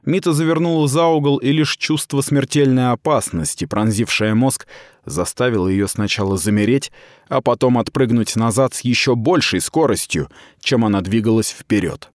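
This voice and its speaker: A man narrating a science-fiction novel with a dramatic, expressive reading. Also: mid-range voice, normal speed, no room sound, clean studio sound. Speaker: audiobook narrator.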